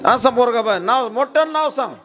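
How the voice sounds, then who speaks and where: High-voiced Marathi kirtan preacher, joking live. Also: male voice, lively intonation, moderate pace, fairly bright tone. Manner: joking, quizzing the crowd, breaks into song. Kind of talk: comic devotional kirtan with audience. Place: live stage before a crowd. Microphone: stage microphone. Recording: live crowd and accompanying music. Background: crowd laughter and music.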